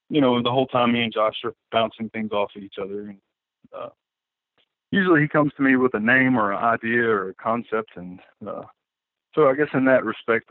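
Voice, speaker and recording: In a casual interview, a male guest artist with a lowish voice rambles along, often restarting and leaning on fillers. There's no echo, though the audio comes through a tinny, phone-like line.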